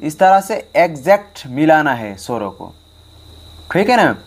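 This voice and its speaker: Man teaching harmonium, unhurried delivery, repeats points for emphasis, faint harmonium behind. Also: on the high side, sing-song, soft background music. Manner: repetitive, emphatic, addresses students directly. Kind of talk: online music lesson.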